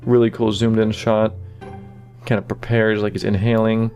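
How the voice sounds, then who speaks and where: At a moderate pace, a man with a low voice casually reflects on creating his animation, dropping in "kinda" and "you know" frequently. Faint music can be heard behind him.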